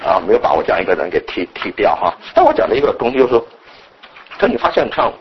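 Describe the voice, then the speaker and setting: Fast-talking chinese pastor guy, high lively voice, slightly dull lo-fi recording. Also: slight background noise. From mainland China. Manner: animated, mimics scolding elders. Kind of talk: sermon.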